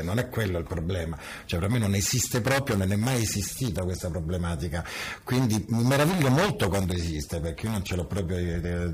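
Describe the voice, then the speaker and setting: A man photographer answering interview questions in a frank, provocative way, often searching for his words. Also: low-pitched. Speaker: photographer and creative director.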